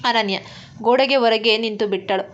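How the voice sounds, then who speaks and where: A woman storyteller reading a dramatic story in a steady narrating voice. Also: on the high side, normal speed, highs cut off.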